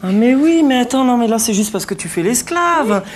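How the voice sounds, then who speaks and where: A woman's voice: fairly high pitch, lively intonation, normal speed, a little hiss or hum, lightly acted. A woman playing an envious schemer in a comic serial, stammering with false politeness as she cajoles. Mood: cajoling. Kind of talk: comic audio serial acting.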